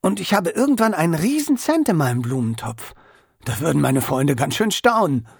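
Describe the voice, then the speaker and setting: A man voicing a cheeky young boy who boasts and fibs, eager and a bit higher than his narrating voice. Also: very animated, moderate pace, creaky, slightly rough, no room sound, studio quality, exaggerated voice. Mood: boastful.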